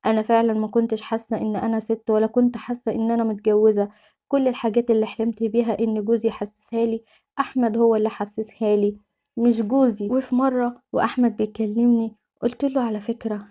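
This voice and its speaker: A woman with an Egyptian accent telling a first-person story in a quick, steady narration. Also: on the high side, muffled recording. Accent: Egyptian Arabic.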